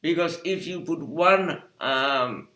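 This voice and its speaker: A man giving an exasperated review monologue, halting often with fillers and restarts. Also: a little high, pushed and bright, roomy sound. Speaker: video reviewer.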